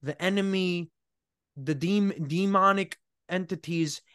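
A man's voice: high-pitched, slow pace, fairly bright tone, clear, resonant tone, no room sound, studio quality. A man hosting a podcast, reflecting on faith in a casual, rambling way and thinking aloud with plenty of fillers. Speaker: podcast host.

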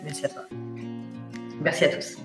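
A woman's voice: normal speed, echoey room, over music. A woman from France, an author, speaking as a guest in a casual interview from home and talking in a reflective way with many hesitations. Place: at home during lockdown.

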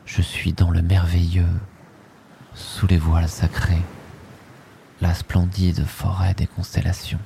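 A man leading a guided sleep hypnosis in a soft, soothing, hushed voice, in short drifting phrases that often sink into a breathy whisper. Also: deep voice, completely flat delivery, slow, long pauses, slight background noise.

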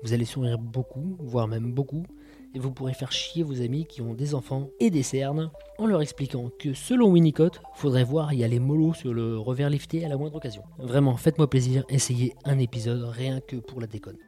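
A man's voice: medium pitch, brisk, dark tone, soft background music. A man hosting a podcast, reviewing audio shows in a casual, jokey and sardonic way. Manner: jokey and sardonic, full of quips. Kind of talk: casual chat.

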